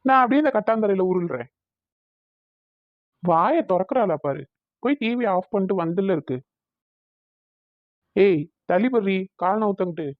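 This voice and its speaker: A woman's voice: mid-range voice, lively intonation, moderate pace, long pauses, no echo, lightly acted. A woman voicing a grumbling young husband, thin phone-like sound. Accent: Tamil Nadu colloquial Tamil. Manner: teasing, grumbling, coaxing. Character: young Tamil husband and big brother, easygoing. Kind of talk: cartoon voice acting.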